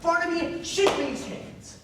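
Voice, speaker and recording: A woman's voice: very high-pitched, expressive, slow, heavy background noise, heavily acted. An actress playing a nervous, eager young male clerk who is fussy and overly familiar, in a live stage play. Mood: excitable. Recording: echoey hall, taped from far off.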